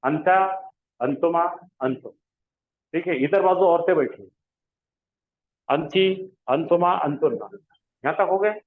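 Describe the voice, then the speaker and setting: A man teaching a grammar class at a slow, deliberate pace. He drills his listeners with question-and-answer repetition, and his fairly high voice comes through a thin, phone-like line from an echoing room. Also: expressive. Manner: drills pronouns with call-and-response questions. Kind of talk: classroom lesson. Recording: echoey room over a tinny phone-like line.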